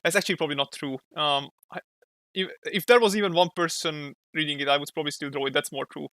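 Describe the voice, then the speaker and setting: A man's voice: on the high side, fast talker, sharp tone, no echo. A young man from Hungary with a Hungarian accent, chatting casually on a livestream while he draws, thinking aloud and sometimes searching for English words. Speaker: streamer and comic artist.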